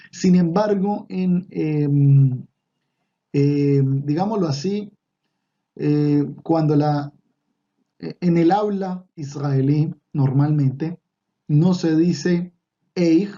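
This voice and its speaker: A man's voice: on the high side, warm tone, lo-fi sound. A man teaching an online Hebrew lesson, patiently repeating words with fillers and restarts.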